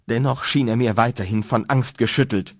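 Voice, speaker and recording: A man's voice: mid-range voice, moderate pace, no room sound, studio quality. A man narrating a horror story in a dramatic, tense reading style. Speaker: audiobook narrator.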